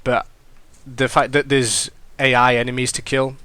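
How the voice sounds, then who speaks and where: A young gaming commentator, congested and sniffly, talks casually over his own gameplay in a smooth, mid-range voice at normal speed with no echo. He rambles, corrects himself as he goes, and reacts excitably.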